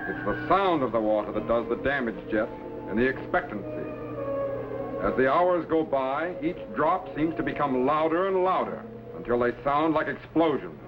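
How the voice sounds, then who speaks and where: Captain Z-Ro, commanding hero over loud music male actor. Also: mid-range voice, lively intonation, moderate pace, lightly acted. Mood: grave. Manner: crisp orders, grave explanations. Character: commanding, knowledgeable time-travelling captain, a heroic mentor. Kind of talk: 1950s TV adventure serial acting. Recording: dull old broadcast recording, music underneath.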